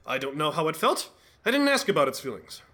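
A man acts out a scatterbrained radio-play detective who puts on airs but panics easily. The voice is bright and lively, with a wide, sing-song swing in pitch. He talks in a theatrical, self-important way. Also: fast talker. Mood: pompous. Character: cowardly, pompous, scatterbrained male sleuth. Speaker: bumbling detective in a radio-drama parody. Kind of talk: 1940s radio acting.

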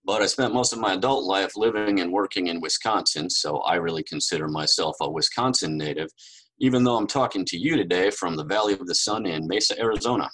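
A middle-aged man, a guest on a podcast, giving measured, informative explanations of farm law. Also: sits low, fairly bright tone, poor audio. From New Hampshire, USA. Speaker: podcast guest, legal researcher.

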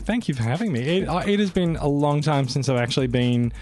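A man's voice: fairly high pitch, lively intonation, darkish tone, faint music behind. A man who writes for a tech site, guesting in a radio studio and chatting casually with jokes. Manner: joking, talks in quick lists. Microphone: studio mic.

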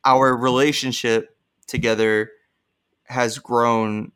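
A man's voice: mid-range voice, flat delivery, slow pace, fairly bright tone, clean tone. A young man co-hosting a podcast in a casual, bubbly chat, rambling with lots of fillers. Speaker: podcast co-host.

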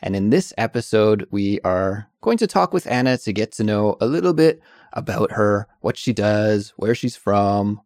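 Guy hosting an english learning podcast, lowish voice, dry close sound, calm and clear. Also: dry recording. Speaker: podcast host. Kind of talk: scripted announcement and casual interview.

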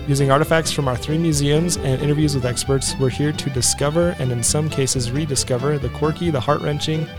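A man's voice: on the high side, fairly even intonation, brisk, music in the background. Folksy man hosting a podcast. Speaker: podcast host. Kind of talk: casual podcast chat.

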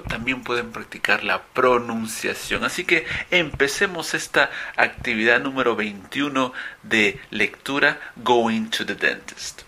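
Male language teacher, husky edge, emphatic on key words, explanatory lesson delivery. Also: medium pitch, pushed and bright. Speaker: English teacher.

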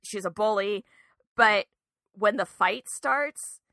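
A woman's voice: mid-range voice, slow pace, pushed and bright, dry recording. A woman co-hosting a horror film podcast, recapping the plot in a chatty, giggly way. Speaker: podcast co-host. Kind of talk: casual movie review chat.

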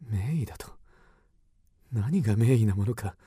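A man's voice: fairly low pitch, brisk, warm tone, husky, no echo, studio quality. An actor playing an agitated, obsessed man recounting an eerie mystery in dramatic radio drama narration, with theatrical swings. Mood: agitated, urgent. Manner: suspenseful, theatrical, with sudden swings.

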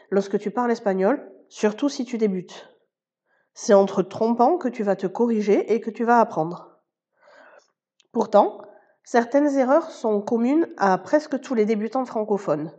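A woman's voice: on the high side, a little slow, mellow, muffled recording. A woman teacher giving a scripted podcast lesson, explaining patiently and speaking to the listener informally. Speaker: Spanish teacher.

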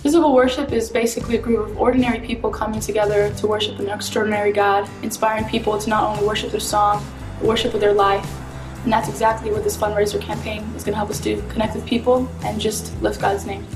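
A woman's voice: mid-range voice, flat delivery, fast. A woman from Texas, a band singer, speaking in a scripted promo video. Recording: roomy, distant, with music behind.

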